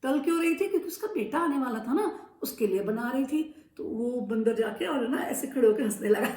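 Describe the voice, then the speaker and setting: A woman telling a children's story in a lively, expressive, playful way. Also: a little high, fairly quick, hardly any pauses, slight background noise. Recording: echoey room from a distance.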